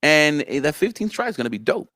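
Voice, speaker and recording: A man's voice: on the high side, fast talker, dry recording. A man being interviewed about his story series, talking animatedly and repeating words as he thinks. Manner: animated, slips in and out of character voices. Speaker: guest, creator of a story series. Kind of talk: casual interview chat.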